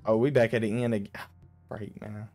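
A young man giving casual, jokey commentary while playing a horror driving game, slangy and quick to yelp when startled. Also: fairly low pitch, little pitch movement, a little mellow, slight background noise. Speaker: gaming YouTuber.

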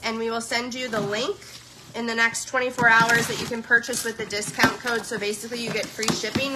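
A woman's voice: fairly high pitch, noisy background. A woman chatting in a casual live stream, gushing over products she tries and saying "y'all" to her viewers. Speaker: social media influencer.

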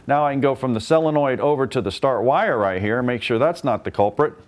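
A man's voice: mid-range voice, lively intonation, fast talker, very noisy. A man in his forties, a technician and instructor, giving a folksy, plain-spoken repair demonstration in a large workshop on a lapel mic. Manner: folksy, plain-spoken, explains while working.

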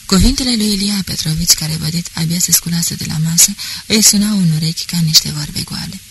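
Steady audiobook narrator, mid pitch. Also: vocal fry, slight background noise, poor audio. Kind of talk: scripted literary narration.

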